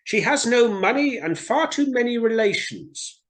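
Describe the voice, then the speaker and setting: A man's voice: very high-pitched, lively intonation, unhurried, fairly bright tone, voice pushed up, heavily acted. A man voicing gossipy, disapproving, twittering swallows in a children's storybook. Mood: scornful.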